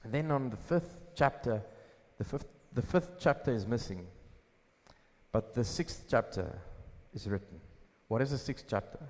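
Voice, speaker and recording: A pastor preaching a sermon at a pulpit microphone, asking questions and answering them himself with emphasis. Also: male voice, mid-range voice, lively intonation, moderate pace, a little mellow. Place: church hall. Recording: long hall reverb.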